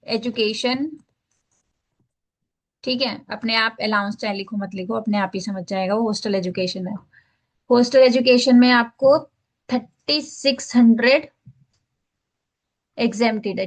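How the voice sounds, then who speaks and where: A woman teacher walking students through a tax filing form step by step, mixing English phrases into Hindi and checking in often. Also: a little high. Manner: explains step by step, repeats "ठीक है" to check in. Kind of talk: screen-share tax filing lesson.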